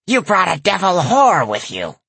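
A man's voice: high-pitched, huge pitch swings, moderate pace, creaky, sharp tone, slightly rough, dry recording, voice pushed up, full character voice. A man voicing a crabby, foul-mouthed old woman who runs a shop, sneering and cackling.

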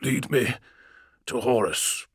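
A man's voice: mid-range voice, slow pace, slightly rough, no echo, studio quality. Man playing a cold ruthless sorcerer. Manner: clipped, cold and commanding. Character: cold, ruthless male sorcerer-warrior, grim and commanding.

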